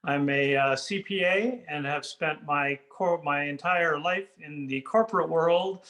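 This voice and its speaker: An older man gives an informal introduction as a judge. His voice is bright and slightly high for a man, and he halts often with uhs. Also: measured pace. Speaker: competition judge.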